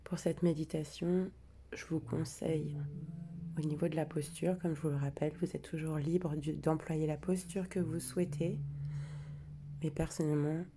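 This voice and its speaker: A woman leading a live guided meditation, speaking softly and slowly and drifting into whispers at times. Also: low voice, background noise. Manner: soft, slow, partly whispered delivery.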